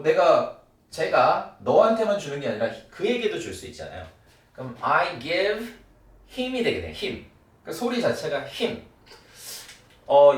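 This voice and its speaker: A man's voice: on the high side, echoey room, distant mic. Man drilling English phrases in a lesson. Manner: repeats example sentences slowly and drills them aloud. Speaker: English teacher. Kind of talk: spoken English grammar lesson.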